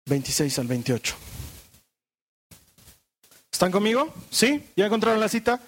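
Male preacher with a high voice; questions his flock, then drops to hushed emphasis. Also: very animated. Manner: asks the congregation questions, shifts from brisk to hushed. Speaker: pastor. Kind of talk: sermon.

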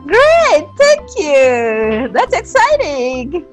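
A woman with a high, lively voice gives short, eager replies. She speaks slowly and leaves pauses between words. Faint music plays behind her. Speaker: prize winner.

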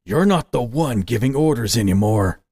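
A man voicing a tense young male dragon magician in a gruff, clipped way. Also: mid-range voice, expressive, moderate pace, warm tone, no echo, clean studio sound. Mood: defiant.

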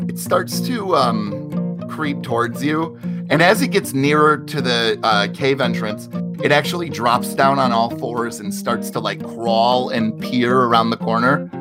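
A man's voice: medium pitch, a little slow, loud music behind the voice. A man narrating as game master in a tabletop game, talking hesitantly with many restarts.

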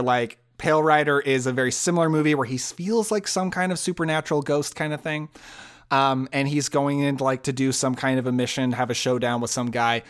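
A man hosting a podcast, chatting casually about movies in a relaxed, rambling way with many fillers. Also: mid-range voice. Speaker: podcast host. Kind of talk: casual film chat.

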